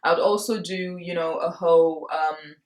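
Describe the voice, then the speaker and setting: A Nigerian woman in her late twenties chats casually to the camera in a Q&A for her vlog, laughing between answers. Her voice is lowish with fairly even intonation and a normal speed, and the room gives a roomy echo.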